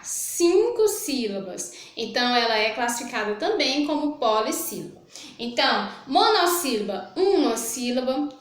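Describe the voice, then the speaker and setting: Brazilian woman, a primary teacher, higher voice, patient and repetitive, recorded in a very echoey room. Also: expressive, normal speed. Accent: Brazilian Portuguese. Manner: patient, repetitive, checks in with "tá?" after each point. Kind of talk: recorded remote lesson. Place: room with a whiteboard.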